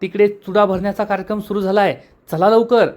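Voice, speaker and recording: A man voicing a brash, impatient young servant woman who complains in a whiny, hurried way. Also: high-pitched, fairly even intonation, darkish tone, lightly acted. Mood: irritated nagging.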